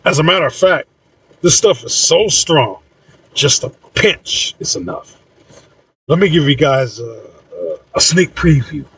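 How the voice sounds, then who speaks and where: A bold, tough young woman, as a man puts her on in a storybook reading, pitched up and urgent, shouting through danger. The husky voice sits a bit off the mic. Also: expressive, measured pace, no echo, far from the mic, full character voice. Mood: sly.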